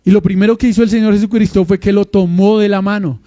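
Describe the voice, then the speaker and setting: A man's voice: high voice, steady tone, fast, dark tone, dry recording. A man with a Colombian accent preaching an expository sermon in church, often asking the congregation questions and answering them himself. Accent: Colombian Spanish. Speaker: pastor. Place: church with babies heard in the back.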